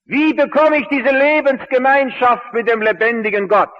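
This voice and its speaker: Man, pastor, storytelling sermon, high voice, muffled old recording. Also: normal speed, in a large hall. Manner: earnest storyteller acting out quoted dialogue.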